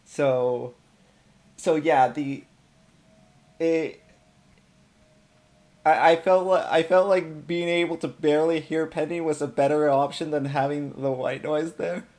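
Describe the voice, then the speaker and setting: A man's voice: on the high side, steady tone, slow, pauses often, darkish tone. A man hosting a casual group chat, explaining his VTuber skits in a rambling, stop-start way. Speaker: VTuber creator and host.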